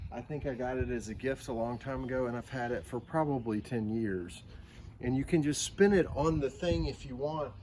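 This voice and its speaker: Man, American accent, mid-pitched voice, informal children's how-to host, folksy, plain-spoken, clear outdoor background noise. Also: a little mellow. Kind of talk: casual explanatory demonstration for children. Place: outdoors, backyard. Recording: noisy outdoor ambience.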